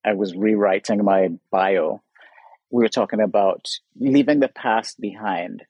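A husky, slightly low-voiced man in his fifties talks through an interview in a thoughtful, earnest way. His voice is recorded close and dry, with no room around it. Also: measured pace, darkish tone, dry recording, rough recording. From Trinidad. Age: 50s. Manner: thoughtful, earnest, leans on "sort of" and "you know". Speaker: guest artist. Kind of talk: reflective interview talk.

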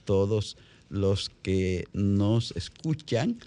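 Deep, slow Dominican male radio host. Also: expressive, mellow, clean tone. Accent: Dominican Caribbean Spanish. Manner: halting, repeats phrases as he explains. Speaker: radio talk show host. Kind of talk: unscripted radio chat.

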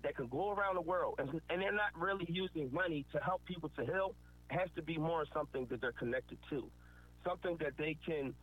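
A man giving an earnest, preachy motivational talk, repeating points for emphasis. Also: fairly high pitch. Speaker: motivational speaker. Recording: tinny phone-like line with faint noise.

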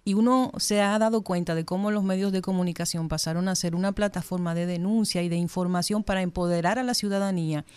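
Woman w/ talking on a panel, soft mellow tone, very dry audio, earnest. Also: lowish voice, fairly even intonation, fast, few pauses, smooth, no echo. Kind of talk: panel discussion, earnest opinion.

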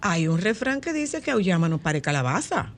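A woman's voice: on the low side, big pitch swings, normal speed. Emphatic older woman. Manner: emphatic, repeats words for stress. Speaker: co-host. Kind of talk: casual radio talk.

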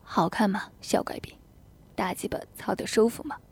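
A woman voicing a tender, teasing young husband in a whispered role-play, with a hushed, coaxing murmur. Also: mid-range voice, steady tone, moderate pace, breathy edge.

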